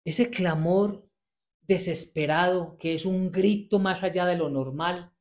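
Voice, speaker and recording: A man with a high voice preaches a sermon on a Bible passage, earnest and emphatic. He slows down to stress key words and repeats pleading prayers.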